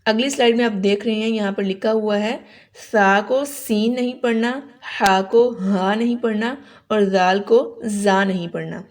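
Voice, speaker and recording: A young woman gives an online lesson in Quran recitation, with a mid-range voice. She talks her students through each letter patiently and draws the sounds out slowly so they can repeat them. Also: medium pitch, steady tone. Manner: patient, repeats letters slowly for practice, often checks "ٹھیک ہے؟".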